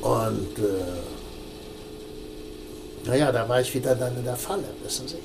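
An older man telling a personal story in an interview, halting, with many restarts and fillers. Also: medium pitch, gravelly, background noise.

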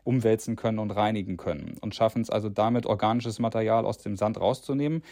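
A man's voice: on the low side, fast, mellow, no echo, clean studio sound. A man speaking as an expert in an interview, explaining things spontaneously in everyday words. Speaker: reef ecologist interviewed as expert.

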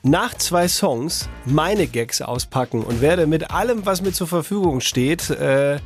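A man's voice: a little high, lively intonation, a little slow, faint music behind. A man co-hosting a radio show, bantering and telling corny pun jokes with a chuckle. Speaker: radio co-host.

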